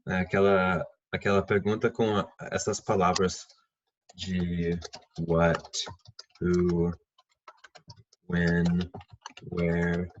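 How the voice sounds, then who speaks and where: A man's voice: deep voice, slightly rough, muffled recording. A man, a native English speaker with a foreign accent in Portuguese, teaching an English lesson and patiently repeating example phrases. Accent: English-speaking learner of Portuguese. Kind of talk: online language lesson.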